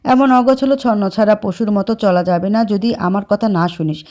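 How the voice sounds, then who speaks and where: A woman's voice: medium pitch, brisk, a little mellow, lightly acted. A woman voicing a stern, bossy, hot-tempered young man in a dramatized story reading. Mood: angry. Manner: bossy, scolding.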